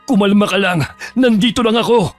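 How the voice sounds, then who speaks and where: An actor playing a worried landowner husband who speaks firmly and shouts to calm his wife. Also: on the low side, a little fast, soft background music, lightly acted. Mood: alarmed. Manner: firm, then pleading and shouting.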